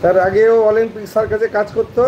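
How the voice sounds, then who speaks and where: Fast bossy Bengali man, noisy kitchen. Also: high-pitched, little pitch movement, muffled recording. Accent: West Bengal Bengali. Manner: loud, teasing, gives orders. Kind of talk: casual bossy chat with staff. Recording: noisy street ambience.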